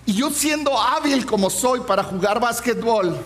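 A man's voice: extremely high pitch, moderate pace. A man, preaching a sermon and telling a funny personal story. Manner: humorous, animated storytelling.

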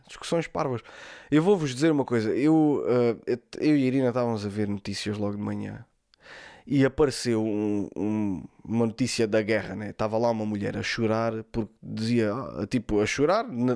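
Young portuguese dude, rambling funny stories, lots of slang, laughs a lot, dry close mic. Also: male voice, mid-range voice, darkish tone, dry recording. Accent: European Portuguese. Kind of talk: comic storytelling monologue.

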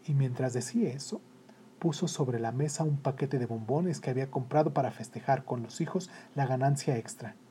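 A storyteller reading a children's story in a calm, steady way. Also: medium pitch, normal speed, a little hiss or hum. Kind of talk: scripted narration of a children's story.

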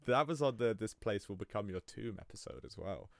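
A man's voice: lowish voice, expressive, fairly quick, vocal fry, no room sound. A man co-hosting a podcast in casual chat with a dry, teasing manner. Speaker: podcast co-host.

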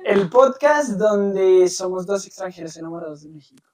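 A woman's voice: mid-range voice, animated, normal speed. A woman co-hosting a podcast, joking and giggling through casual banter. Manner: giggly, jokey. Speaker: podcast co-host. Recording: crowd chatter behind.

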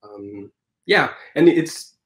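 A man's voice: mid-range voice, expressive, extremely slow, roomy sound. A man in his thirties from France with a French accent, speaking casually as an interview guest, hesitant with many fillers and restarts. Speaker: guest animator.

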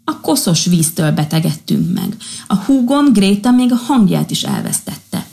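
A woman's voice: lowish voice, very animated, creaky, mellow. A woman doing a worried young sea creature brother. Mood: earnest.

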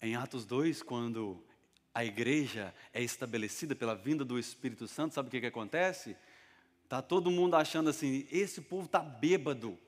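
Male pastor, animated storyteller voicing characters, mid pitch, church hall reverb. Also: normal speed. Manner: lively storytelling, acting out dialogue. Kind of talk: sermon.

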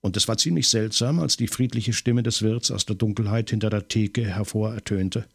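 A man narrating a crime audiobook in a measured, tense storytelling manner. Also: on the low side, steady tone, gravelly, breathy edge, no room sound, studio quality.

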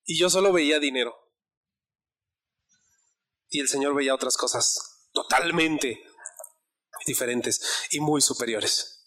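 High, bright-voiced male preacher. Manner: conversational storytelling, asks the congregation questions. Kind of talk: sermon.

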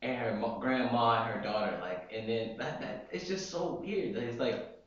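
Brief: young male co-host, mid-pitched, relaxed and opinionated, echoey muffled room. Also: normal speed. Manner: laid-back, opinionated, explains with slang. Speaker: podcast co-host. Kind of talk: casual chat.

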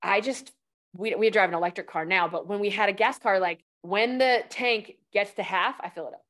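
A woman's voice: mid-range voice, normal speed, fairly bright tone. A woman guest on a podcast, talking casually with lots of filler words as she shares life tips. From California. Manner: chatty, loose, heavy on "like" fillers. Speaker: guest, life-hacks coach.

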